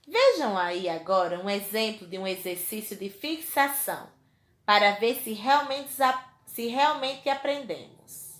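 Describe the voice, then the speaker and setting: Slow, clear woman teacher in an echoey room. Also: mid-range voice, expressive, fairly bright tone. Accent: Brazilian Portuguese. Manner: slow, clear dictation, stretching out example words. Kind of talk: children's lesson.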